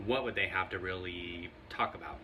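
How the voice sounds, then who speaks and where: Man with a bright, forceful voice. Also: deep voice, normal speed, a little hiss or hum. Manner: conversational, rambling, laughs often. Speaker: vlogger. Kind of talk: casual commentary to camera.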